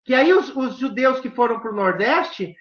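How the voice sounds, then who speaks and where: High-voiced woman, southern Brazilian accent. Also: lively intonation, measured pace. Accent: southern Brazilian Portuguese. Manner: acts out quoted dialogue, emphatic questions. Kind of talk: animated storytelling conversation. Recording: roomy, dull lo-fi sound.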